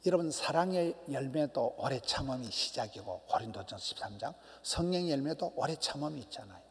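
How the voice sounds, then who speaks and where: A middle-aged man, a pastor, preaching a sermon emphatically, swinging from loud cries to hushed near-whispers. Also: mid-range voice, animated, a little fast. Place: church sanctuary. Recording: long church hall reverb.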